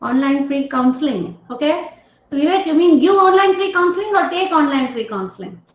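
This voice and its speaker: A woman's voice: high voice, expressive, fairly quick, reverberant, dull audio. A woman giving an online stress management training and often checking in with her audience. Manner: engaging, often checks in with "right?" and questions to participants.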